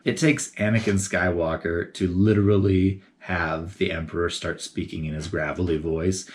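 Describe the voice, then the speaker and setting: A man giving a casual, animated video essay, talking in a chatty way with geeky enthusiasm. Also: low-pitched, normal speed. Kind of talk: casual commentary to camera.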